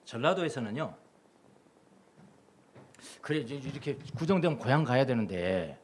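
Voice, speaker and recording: A man's voice: medium pitch, big pitch swings, moderate pace, slight background noise. A middle-aged man from Jeolla, South Korea, preaching a Sunday sermon as pastor in a church, stacking repeated phrases into rhythmic lists. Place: church sanctuary.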